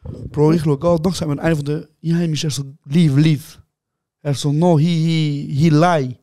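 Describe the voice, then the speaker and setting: Ein junger Mann aus der Schweiz mit Schweizerdeutschem Akzent, Co-Host eines Podcasts, der eine Ferien-Anekdote lebhaft und aufgedreht erzählt und andere Leute laut nachspielt. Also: male voice, a little high, moderate pace, no echo, clean studio sound. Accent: Swiss German. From Switzerland. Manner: excited anecdote telling, acting out other people with shouts, calls the other host "Bro". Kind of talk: casual chat, animated storytelling.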